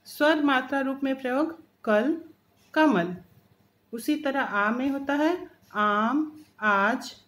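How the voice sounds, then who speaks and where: A woman's voice: fairly high pitch, fairly bright tone. A woman teacher giving a recorded grammar lesson to children, speaking carefully and drawing out each example sound.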